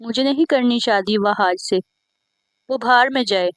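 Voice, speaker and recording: A woman's voice: fairly high pitch, unhurried, no room sound, natural voice. A woman voicing a stubborn, lovesick young woman who answers back sharply. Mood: pleading. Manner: sharp, defiant retorts.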